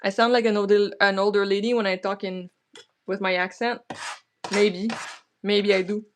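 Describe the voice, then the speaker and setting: A woman's voice: medium pitch, flat delivery, moderate pace. Chatty woman cooking on stream. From Canada. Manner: chatty, rambling, self-correcting. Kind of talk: casual chat while cooking. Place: home kitchen. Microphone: camera on a tripod.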